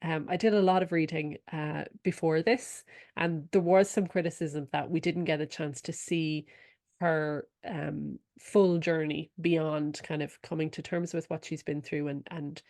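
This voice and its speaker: Measured woman interviewer, low voice. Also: steady tone. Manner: measured, attentive, frequent soft backchannels. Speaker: interviewer, podcast host. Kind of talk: conversational interview.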